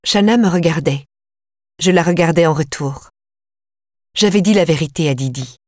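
A woman reading a novel aloud in the first person, in a measured and steady way. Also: sits low, no room sound, clean studio sound. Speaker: audiobook narrator.

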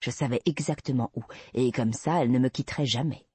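A man voicing an obsessive, creepy man who slowly confesses to a kidnapping, in a soft, unsettling manner. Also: medium pitch, husky. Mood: brooding. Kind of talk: audiobook reading.

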